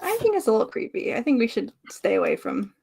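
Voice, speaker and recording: A woman's voice: on the high side, wildly swooping pitch, quick pace, gravelly, darkish tone, a little hiss or hum. A woman co-hosting a casual group podcast chat, laughing often and putting on mocking voices when she tells a story. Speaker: podcast co-host.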